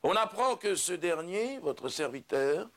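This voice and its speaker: A comedian playing Judas, a solemn ageless wanderer, in a slow, grandiose stage monologue. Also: male voice, sits high, very animated, a bit bright, exaggerated voice. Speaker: stand-up comedian.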